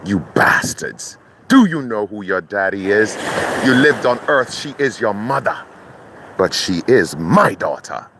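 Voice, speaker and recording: A man delivering a threatening curse monologue, speaking slowly and breaking into chanted incantations. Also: mid-range voice, sharp tone, a little hiss or hum. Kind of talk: menacing spoken curse monologue.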